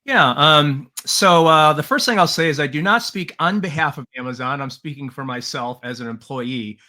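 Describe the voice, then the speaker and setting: Speaking a little high at a normal pace, this middle-aged Taiwanese podcast guest has a bright, forceful tone. A leadership trainer, he earnestly tells his life story in an easygoing interview, peppered with "uh" and light chuckles.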